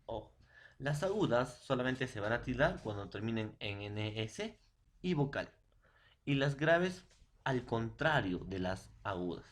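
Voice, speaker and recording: A man's voice: mid-range voice, sing-song, unhurried. A Peruvian man teaching a school lesson online, speaking to his students often and repeating lists in a chanting way. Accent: Peruvian Spanish. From Peru. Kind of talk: classroom lesson. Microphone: online class.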